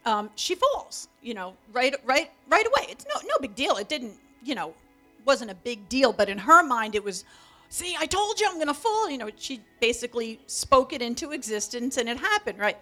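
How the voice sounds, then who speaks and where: A middle-aged woman telling a long story about her daughter in a lively, animated way, acting out quotes. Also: normal speed, faint music behind. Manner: animated, acts out quotes with big pitch jumps. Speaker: co-speaker, mother of the other speaker. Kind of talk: storytelling talk.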